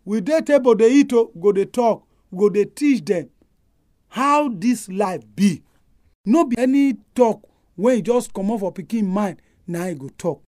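A man's voice: high voice, lively intonation, normal speed, a little mellow, dry recording, studio quality. A man with a Nigerian accent preaches as a pastor on a radio programme, speaking in Nigerian Pidgin. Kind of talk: family-life sermon.

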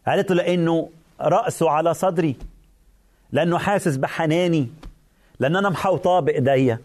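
A man with an Egyptian Arabic accent delivers a sermon in a somewhat high voice. He speaks earnestly and builds on repeated phrases. He addresses the listener directly throughout. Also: quick pace, a little mellow. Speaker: preacher.

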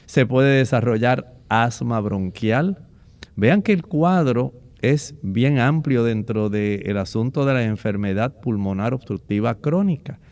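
A man on a radio health program, explaining a lung condition and its blood test in a measured, explanatory way. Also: medium pitch, lively intonation, a little mellow, no echo. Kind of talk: explaining a medical topic.

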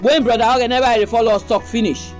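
A woman's voice: on the high side, steady tone, fast talker, a little mellow. A woman with a Nigerian accent speaking Nigerian Pidgin as she introduces a religious radio programme. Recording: music behind the voice.

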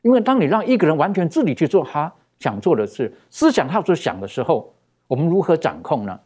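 Animated male preacher with lively pitch. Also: husky. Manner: animated, with many fillers and drawn-out emphasis. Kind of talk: sermon.

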